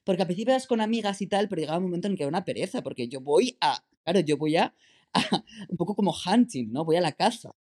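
A man's voice: sits high, animated, darkish tone, husky. A man from Madrid with a Madrid Spanish accent, a podcast guest chatting casually and telling stories with lots of fillers. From Madrid, Spain. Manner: chatty, many fillers, drawn-out storytelling. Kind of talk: casual interview chat.

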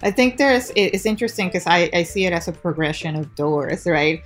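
Reflective woman from Ecuador, low voice. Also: expressive, fairly quick, soft background music. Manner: reflective, with frequent "like" and "right?" tags. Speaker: guest. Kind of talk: conversational interview.

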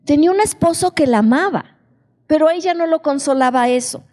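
A woman delivers a sermon in a high, mellow voice, speaking slowly and often asking her listeners questions. Her voice rings with the long echo of a large hall. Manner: slow, questioning the congregation. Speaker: preacher.

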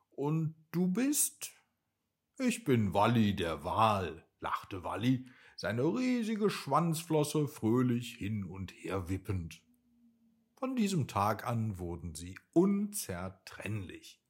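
A man narrating a children's bedtime story, slow and very animated. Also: medium pitch, husky.

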